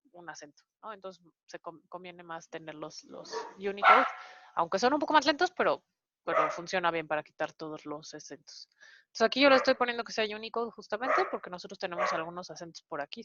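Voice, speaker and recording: A woman's voice: lowish voice, brisk, muffled recording, very noisy. A woman teaching a programming lesson, explaining step by step with frequent hesitant fillers. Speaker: programming instructor. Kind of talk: online coding lesson walkthrough.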